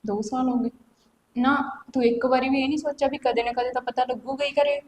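A woman's voice: high voice, steady tone, fairly quick, darkish tone, lightly acted. A woman with a Punjabi accent playing a strict village sister-in-law who scolds firmly in a Punjabi web drama. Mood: stern. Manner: scolding, firm. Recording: echoey room, faint noise.

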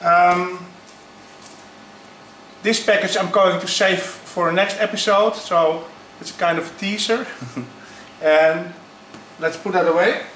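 A man talks slowly and haltingly, pausing often as he vlogs. The sound is poor and low quality, captured by a built-in camera mic in an echoey room at home. A faint hiss sits under his slightly high voice. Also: steady tone, a bit bright, far from the mic. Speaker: YouTuber starting a channel. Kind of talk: casual unboxing vlog.

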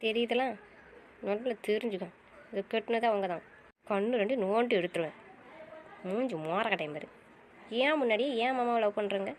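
A woman's voice: on the high side, normal speed, long pauses, a little hiss or hum, natural voice. A young woman acting a jealous wife who scolds and threatens sharply in an amateur drama. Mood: threatening. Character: fierce jealous young wife, quick to rage.

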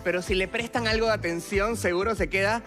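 A Venezuelan-accented man in his twenties, a talent show contestant and stage magician, delivers theatrical magic patter and speaks directly to the judges through a headset mic. His voice is high-pitched, steady, fast and fairly bright. Music plays beneath the performance on a large TV studio theatre stage.

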